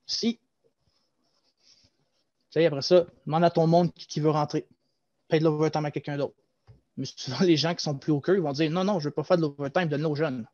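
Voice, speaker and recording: Animated young Québécois man on a headset. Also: a little high, a little fast, pauses often, dry recording. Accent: Québécois French. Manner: animated, explanatory, gestures while talking. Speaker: guest, former loss-prevention agent. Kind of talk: casual interview over video call. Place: small room at home. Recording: dull lo-fi video call audio.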